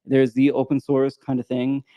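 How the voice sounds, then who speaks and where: A man's voice: medium pitch, completely flat delivery, normal speed, mellow, no room sound. A man co-hosting a casual chat, rambling and laughing at himself, with a slight whistle on his s sounds that comes across like a lisp. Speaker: podcast co-host. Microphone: desk microphone.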